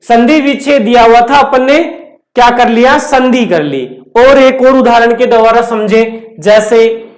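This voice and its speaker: Male teacher going slow thru a grammar lesson, keeps repeating, asks the class stuff then answers, echoey room. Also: very high-pitched. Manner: slow, step-by-step, repetitive explaining with questions to the class. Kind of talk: classroom lecture at a board.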